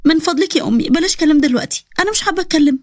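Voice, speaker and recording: A woman's voice: sits high, rapid-fire, a little mellow, dry recording, studio quality, pitched above the performer's own voice, lightly acted. A woman voicing a cheeky, dramatic young woman of about twenty-two, teasing and whining, with an Egyptian accent. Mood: upset. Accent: Egyptian Arabic.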